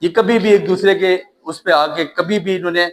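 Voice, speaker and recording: A man teaches grammar in a lecture, and his voice sits noticeably high. He keeps checking whether students follow and slows down to spell out terms. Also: fairly even intonation, fairly bright tone. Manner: repeats checks like "right?", calls students "child", spells slowly. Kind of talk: classroom lecture.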